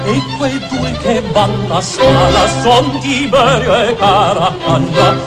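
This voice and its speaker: A man's voice: very high-pitched, slow, loud music behind the voice. A man singing a boastful nobleman in a comic opera aria, pompous and declamatory. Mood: pompous boasting. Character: boastful nobleman parading his grand ancestry. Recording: orchestral accompaniment under the voice.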